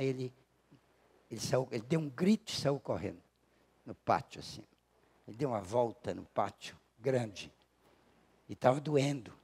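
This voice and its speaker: A Brazilian man lectures at a spiritist center in a gravelly, husky voice. He tells a story from his own family, acting out each side of the dialogue and slowing down to stress his points. His pitch sits in an ordinary middle range. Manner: storytelling, acting out dialogue with big shifts in loudness. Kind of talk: spiritual lecture with personal anecdote.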